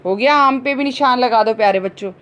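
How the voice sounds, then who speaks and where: A woman teacher giving a grammar lesson to young children, slowly repeating each word and answering her own questions. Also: on the high side, a bit bright. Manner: drawn-out words, slow and patient. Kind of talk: slow, clearly spoken grammar lesson for children.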